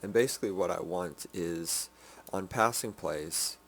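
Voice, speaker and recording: A sleepy man giving a casual game development update, halting with many ums and restarts. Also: deep voice, fairly bright tone, a little hiss or hum. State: sleepy, yawning.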